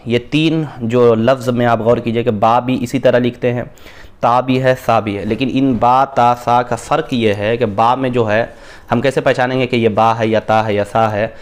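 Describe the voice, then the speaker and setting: A man teaches beginners to read the Quran. His voice sits at a middle pitch, and his manner is patient and steady. He repeats each Arabic letter slowly and draws it out. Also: clear, resonant tone. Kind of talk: Quran reading lesson for beginners.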